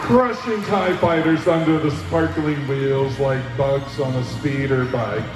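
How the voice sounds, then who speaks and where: A man announcing roller derby player introductions in a pumped-up, booming style over a venue PA. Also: unhurried. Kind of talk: hyped scripted player introductions over arena PA. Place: large indoor sports venue. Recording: echoey PA heard far off, music. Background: clear music.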